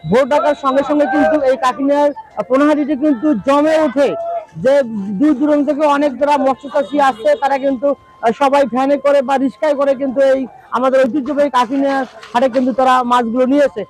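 High, fast-talking man reporting outdoors. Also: steady tone, darkish tone, poor audio. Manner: quick, questioning, repeats answers back. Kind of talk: roving market interview. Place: outdoor fish fry market.

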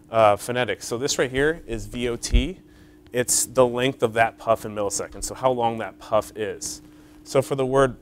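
A man giving an academic conference talk, explaining step by step with frequent fillers and questions to the audience, in a lecture hall. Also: mid-range voice. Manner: explains step by step, checks in with "right?" and "okay?".

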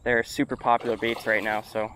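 A man's voice: medium pitch, completely flat delivery, a little fast, background noise. A young man vlogging from a small boat, chatting casually and thinking aloud while he fishes, recorded on a boat-mounted action camera. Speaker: fishing vlogger. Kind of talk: casual outdoor commentary. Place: small boat on open water outdoors.

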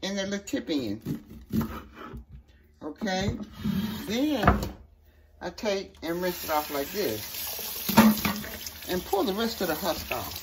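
A woman's voice: on the low side, sing-song, slow, pauses often. A woman hosting a home cooking show, talking folksy and chatty through each step in her kitchen. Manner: folksy, chatty, says "okay" often. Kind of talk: casual cooking demonstration. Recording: noisy home kitchen recording.

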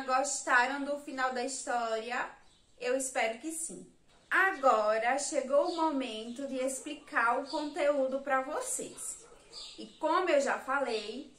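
A woman's voice: high voice, a bit bright, a little hiss or hum. A woman with a Sergipe Brazilian accent teaching a remote lesson to young children, patiently counting and spelling words aloud. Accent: Sergipe Brazilian Portuguese. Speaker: primary school teacher. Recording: echoey room, voice a bit far from the mic.

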